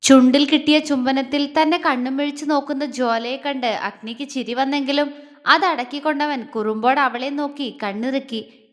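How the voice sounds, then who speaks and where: A woman storyteller reading a romance serial aloud in a measured way. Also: high-pitched, fairly even intonation. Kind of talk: scripted romance narration. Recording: long reverb.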